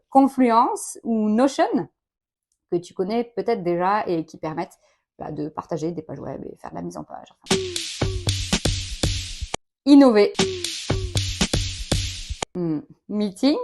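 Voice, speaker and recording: Chatty woman in her late thirties, business leader in a quick-fire interview, informal, quick to laugh. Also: medium pitch, darkish tone. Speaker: company director interviewed.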